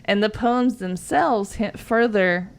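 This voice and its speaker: A woman's voice: medium pitch, takes it slowly. A woman co-hosting a podcast in casual chat, sharing facts in a chatty, giggly way with lots of "like" fillers. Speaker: podcast co-host.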